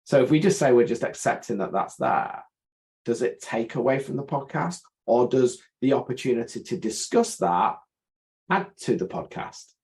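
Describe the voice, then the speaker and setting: Man, earnest interview guest, rhetorical questions, mid-pitched voice, remote call. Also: very animated, moderate pace, darkish tone, low-quality recording. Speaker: guest coach. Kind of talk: reflective interview talk.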